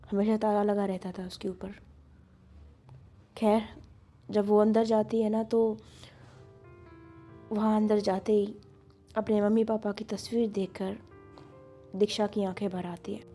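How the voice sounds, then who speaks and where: A woman's voice: medium pitch, mellow. A woman narrating a love story in a conversational, chatty storytelling manner. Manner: conversational, filler-laden storytelling.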